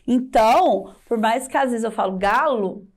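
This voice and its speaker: A Brazilian woman teaching Portuguese in a video lesson for children, explaining slowly and patiently and checking in with rhetorical questions. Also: on the high side, a little mellow.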